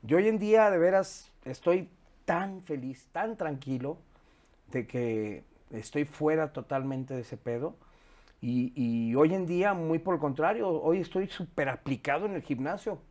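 A man in his fifties with a Mexican accent, talking candidly as an interview guest, animated and swearing freely, recorded on a lapel mic in a studio. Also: a little high, a little slow. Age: 50s. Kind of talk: casual interview chat. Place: studio set with sofa.

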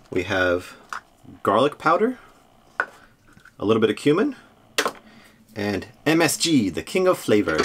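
A man in his thirties with a lowish voice talks casually to his camera from a small boat cabin, relaxed and chatty, laughing lightly now and then. There is a faint hum of background noise behind him. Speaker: sailing vlogger. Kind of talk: casual vlog narration.

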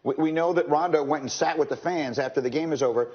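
A man hosting a morning sports show, narrating game highlights with energy and leading the panel. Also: fast talker, husky. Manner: energetic play-by-play over highlights. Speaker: studio host. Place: TV studio. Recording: dull broadcast audio with music.

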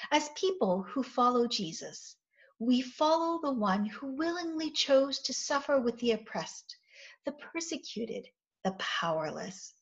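A middle-aged woman pastor giving a measured, earnest sermon from a small office, recorded on a webcam. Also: high-pitched, a bit bright. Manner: measured, earnest reflective preaching. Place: small indoor office with bookshelves. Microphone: webcam, seated facing camera. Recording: dull lo-fi webcam audio.

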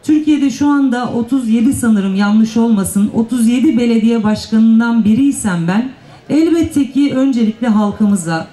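A woman mayor delivers a formal panel speech at a podium microphone, earnest and emphatic, drawing out her stresses. Her voice is on the high side and warm, carried by echoey public address sound.

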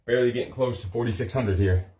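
A man's voice: mid-range voice, fast talker, warm tone. A man, a personal trainer, chatting casually to a livestream while doing push-ups, tired from long physical exertion. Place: small carpeted home office, indoors. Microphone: phone on a stand a step or two away.

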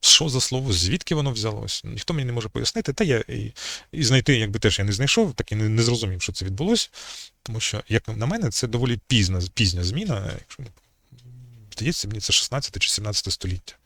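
Low-voiced man lecturing with many pauses. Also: expressive, vocal fry, fairly bright tone, no echo. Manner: hesitant, many fillers and restarts. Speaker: channel host. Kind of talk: unscripted history lecture.

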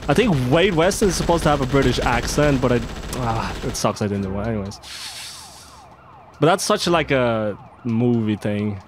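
A man's voice: medium pitch, lively intonation, normal speed, slight background noise. A man giving casual, profane let's play commentary, reading the game's lines aloud. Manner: casual and profane, reads game dialogue aloud in character.

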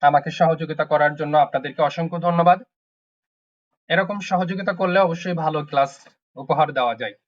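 Man teaching over a dull lo-fi call. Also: fairly high pitch. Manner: slow, repetitive drilling of words. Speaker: German language teacher. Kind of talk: online class lesson. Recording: dull lo-fi online call audio.

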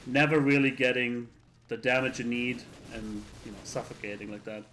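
A man's voice: medium pitch, flat delivery, moderate pace, background noise. A man giving laid-back, meandering live commentary on a video game he is playing. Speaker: let's player.

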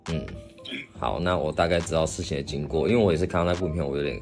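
Low-voiced man talking fast on a call. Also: music in the background. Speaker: host of a group call. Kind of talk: casual call discussion.

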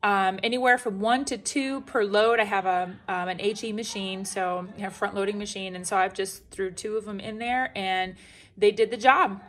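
A woman's voice: medium pitch, fairly even intonation, moderate pace. A middle-aged woman chatting casually through a grocery haul at home. She is upbeat and chatty, with plenty of ums and restarts. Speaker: vlogger showing a grocery haul. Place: home kitchen or dining room, indoors.

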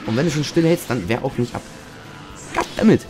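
Young guy doing let's play commentary, gets loud and cusses at the game, game music going behind him. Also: mid-range voice, quick pace. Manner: excitable, swears at the game, loud outbursts. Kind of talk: casual gameplay commentary.

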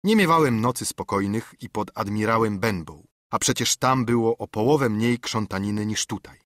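A man reading an adventure novel aloud as an audiobook narrator, in an expressive, lively manner. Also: fairly low pitch, normal speed, no echo, studio quality. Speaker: audiobook reader. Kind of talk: scripted narration.

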